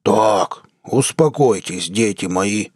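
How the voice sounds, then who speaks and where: A man voicing a calm, fatherly blue giant starship captain with a deep bass voice, in an audiobook reading. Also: slightly rough, no room sound, studio quality. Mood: soothing. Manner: unhurried, fatherly, soothing. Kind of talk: audiobook character voice.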